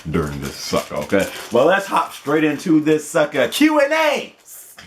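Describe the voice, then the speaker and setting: A man's voice: on the high side, huge pitch swings, normal speed, slight background noise. A man in his twenties hosting a casual question-and-answer vlog, playful and laughing often. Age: 20s. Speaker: gaming channel host.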